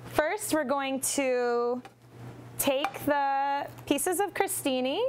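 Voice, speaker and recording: A young woman presents a cooking demonstration for a nutrition segment in a large studio kitchen, explaining each step steadily and instructively with occasional ums. Her voice is high-pitched and she draws out her words, against a noisy background.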